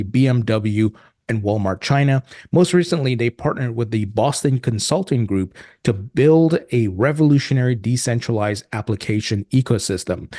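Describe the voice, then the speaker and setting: Male podcast host, mid-pitched, friendly and upbeat, dry sound, no room echo. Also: a little mellow. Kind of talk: podcast interviewing and sponsor read.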